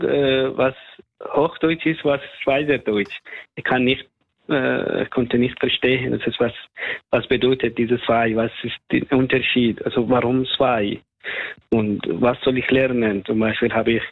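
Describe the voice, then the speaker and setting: A man in his late thirties from Iran, a native Farsi speaker with a Persian accent, talking haltingly and searching for words as an interviewee. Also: mid-range voice, fairly even intonation, no echo. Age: 30s. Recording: phone line.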